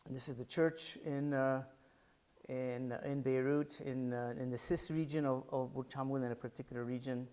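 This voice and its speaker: Speaking at normal speed with fairly even intonation, a middle-aged American man's smooth, slightly mellow mid-range voice carries his artist talk on his photographs at a library art center. He is thoughtful and searches for words, with frequent restarts and fillers.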